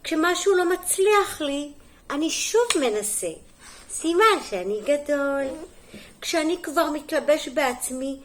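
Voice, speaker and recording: A middle-aged kindergarten teacher reading a storybook aloud to young children, gentle and sing-song, pausing for little asides and questions. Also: female voice, sits high, expressive, slight background noise.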